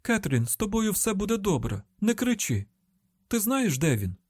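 A tense young woman FBI agent barks urgent orders in a high, strained voice, as a male audiobook narrator puts her on. She speaks with a Ukrainian accent, and the recording is dry and close. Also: very animated, normal speed, dry recording. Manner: urgent shouted commands. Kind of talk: audiobook character voicing.

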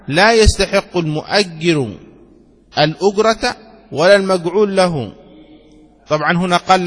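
Husky high-voiced man lecturing on religious law. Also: fairly bright tone, in a large hall. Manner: explains with examples and checks understanding; reads a text aloud, then comments on it. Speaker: Islamic scholar teaching a text.

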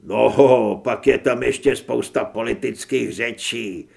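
A man's voice: medium pitch, gravelly, darkish tone, voice pushed down. A male narrator voicing a gloomy middle-aged man who grumbles sullenly. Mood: grumbling.

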